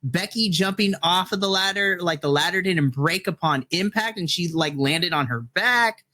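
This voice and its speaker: A man co-hosting a podcast in casual chat, talking in excitable bursts with gasping exclamations. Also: high-pitched, normal speed. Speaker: podcast co-host.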